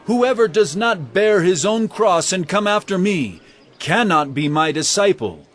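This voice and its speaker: An actor playing Jesus as an earnest teacher of parables in an audio drama, speaking in measured, emphatic oratory. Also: male voice, high voice, animated. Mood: solemn, challenging. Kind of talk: audio drama Bible acting.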